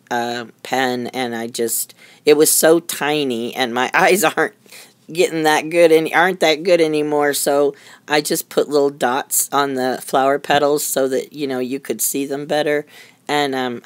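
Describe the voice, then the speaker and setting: Low-key chatty woman crafter, dry room. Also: no echo. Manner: chatty, rambling, easily amused. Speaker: craft maker showing handmade journals. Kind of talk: casual show-and-tell. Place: indoors at a craft desk.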